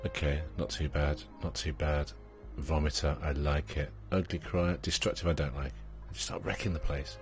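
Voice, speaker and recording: A man with an extremely deep, low voice talks his way through a game in a loose, rambling style. He fills his pauses with ums and uhs and chats to his on-screen characters. Quiet game music plays faintly under him. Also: little pitch movement. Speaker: gaming channel host. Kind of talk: let's play commentary.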